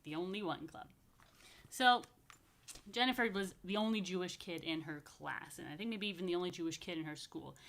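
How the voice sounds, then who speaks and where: A woman rabbi leads a children's story time and blessings, speaking informally and playfully to young families in simple, chatty words for kids. Her voice is on the low side and fairly bright, and she talks a little fast.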